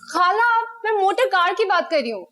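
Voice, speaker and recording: A woman's voice: extremely high pitch, very animated, normal speed, a bit bright, faint music behind, heavily acted. Cheeky, brash young woman. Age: young adult. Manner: teasing, cheeky. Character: brash outgoing young woman wanting a car-owning groom. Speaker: lead character. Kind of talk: TV drama acting.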